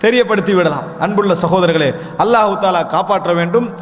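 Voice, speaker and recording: An Islamic preacher delivers a religious lecture in a slightly fast, high-pitched voice, calling his listeners brothers. He raises rhetorical questions and answers them himself, with a long hall reverb trailing his words.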